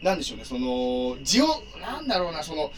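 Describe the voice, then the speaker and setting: A man hosting a casual radio talk show who teases his guest in rapid, animated bursts. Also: on the high side, slight background noise.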